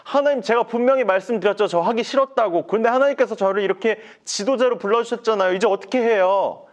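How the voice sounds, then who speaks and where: A man's voice: high-pitched, fast, voice pushed up, close to an everyday voice. A man voicing the prophet Moses as an anxious, whiny adult man in a children's Bible story. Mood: pleading. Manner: whiny, fretful pleading.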